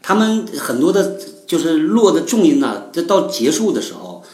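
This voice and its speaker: 一位男性播客主持人在轻松闲聊，爱开玩笑，不时应和对方。. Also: male voice, a little high, very animated, normal speed, darkish tone, echoey room. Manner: chatty, jokey, frequent short backchannels. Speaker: podcast host. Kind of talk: casual conversation.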